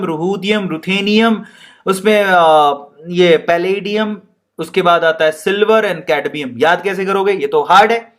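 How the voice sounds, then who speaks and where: A male chemistry teacher lectures in a playful, animated way and jokes as he teaches. His voice is fairly high for a man, and he slips English phrases into his talk. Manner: playful, jokey, laughs while teaching; animated, mixes Hindi and English. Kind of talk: classroom lecture.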